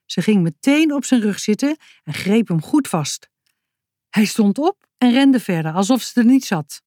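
Een vrouw die levendig en expressief een kinderverhaal voorleest. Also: female voice, medium pitch, a little slow, no room sound, clean studio sound. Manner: lively, expressive reading. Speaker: narrator. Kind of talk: reading a children's story aloud.

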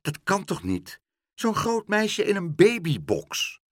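A man's voice: mid-range voice, wildly swooping pitch, moderate pace, fairly bright tone, husky, no echo, studio quality, exaggerated voice. A man voicing a small, earnest boy in a storybook reading, indignant and outraged.

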